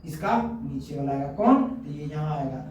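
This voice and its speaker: A man's voice: on the high side, expressive, moderate pace, a little mellow. A man teaching a math lesson at a board. He keeps asking questions, answers them himself and corrects himself often. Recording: very echoey room, mic far off, faint noise.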